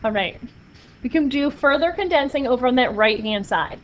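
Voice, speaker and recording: A woman with a high, fairly bright voice and lively intonation teaches a math class at a moderate pace. She's upbeat, playful, and encouraging with her students. The classroom recording is muffled, with faint noise.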